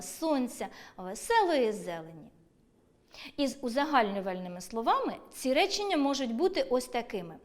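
A woman teacher giving an online school lesson, speaking clearly and deliberately, with a sing-song lilt on lists. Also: high voice.

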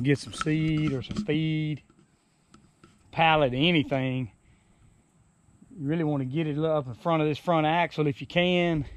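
Outdoors on a farm lawn, a Southern-accented Alabama man in his forties gives a relaxed walkaround of a trailer he rebuilt, his voice a little high. His delivery is folksy and rambling, with sentences that halt and start over. The audio comes from an action camera he holds or wears, occasionally putting it down.

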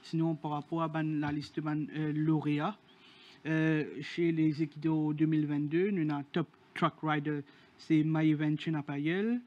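A man's voice: fairly high pitch, little pitch movement, normal speed, darkish tone, lo-fi sound. A man co-hosting a racing show, reading out award winners with many hesitations. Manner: hesitant, many fillers while reading a list. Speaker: horse racing show co-host.

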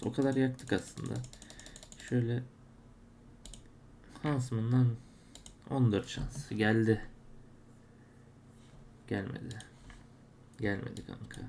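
A man's voice: lowish voice, fairly even intonation, unhurried, pauses often, dark tone, slight background noise. A man narrating his case openings as he plays, grumbling and exclaiming whenever he loses. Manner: frustrated, exclaiming at losses. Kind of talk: live commentary while opening cases.

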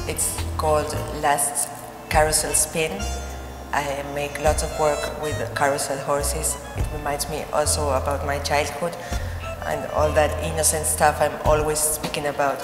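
A middle-aged woman from Argentina with an Argentine Spanish accent, a native Spanish speaker, explaining her artworks in a halting way, searching for words. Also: low-pitched. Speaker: artist. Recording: roomy gallery echo with music.

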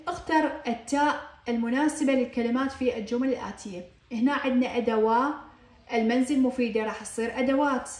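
A woman's voice: a little high, darkish tone, reverberant. A woman teacher with an Iraqi accent explaining exercises patiently, asking herself why and repeating words with each vowel ending. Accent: Iraqi Arabic. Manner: asks "why?" then answers herself. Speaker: Arabic teacher.

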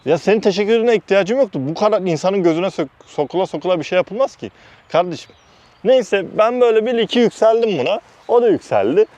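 Lively, high-pitched Turkish-born man storytelling. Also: quick pace, no room sound, lo-fi sound. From Turkey. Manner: heated, animated retelling with constant "dedim" between quoted phrases; blunt, uses mild swearing. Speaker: vlogger recounting work experiences. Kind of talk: casual storytelling.

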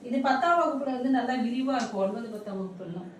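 High-voiced woman teaching in an echoey room. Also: lively intonation, quick pace, slight background noise. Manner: repetitive, quizzing questions then answering them. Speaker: Tamil grammar teacher. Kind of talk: classroom lesson. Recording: echoey room, mic far off.

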